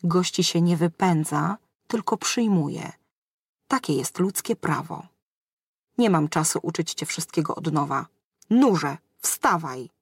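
A woman's voice: low-pitched, animated, slow, slightly rough, no echo, clean studio sound, heavily acted. A woman doing a bossy scolding enchantress. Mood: commanding. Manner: scolding, self-assured.

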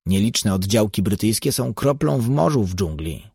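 A seasoned, grave tracker, voiced by an audiobook narrator, lowish and husky, explaining in a measured, warning tone. The sound is close and dry. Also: male voice, animated, a little mellow, no echo, heavily acted.

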